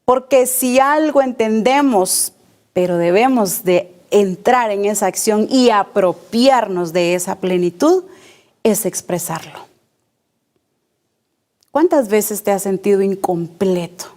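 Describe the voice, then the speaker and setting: A woman's voice: medium pitch, animated, darkish tone. A woman preaching a sermon at a church service, repeating key phrases and asking the congregation rhetorical questions. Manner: slow, deliberate delivery, repeating key phrases.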